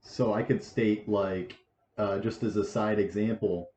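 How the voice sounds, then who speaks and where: A man in his twenties giving a casual math lesson, with a halting delivery full of restarts and fillers. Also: lowish voice, fairly even intonation, dark tone. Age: 20s. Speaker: math teacher. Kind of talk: casual lecture. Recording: echoey room, dull lo-fi sound, faint hiss.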